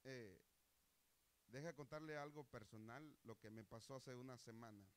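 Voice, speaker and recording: A man preaching a sermon as pastor, animated, asking the congregation rhetorical questions. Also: medium pitch, normal speed. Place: church.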